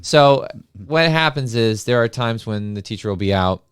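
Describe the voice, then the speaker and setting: A man's voice: mid-range voice, lively intonation, normal speed, clean tone, no room sound, studio quality. A man hosting a podcast, telling a school anecdote casually and animatedly, with many filler sounds. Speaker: podcast host and classroom paraprofessional. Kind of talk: casual storytelling.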